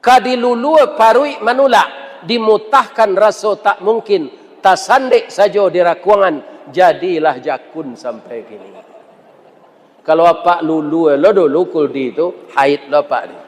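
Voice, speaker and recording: A man's voice: high voice, unhurried, in a large hall. A man with a Minangkabau accent giving a humorous sermon, joking and asking the audience questions. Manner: jokey, questions the audience, acts out quotes. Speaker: preacher.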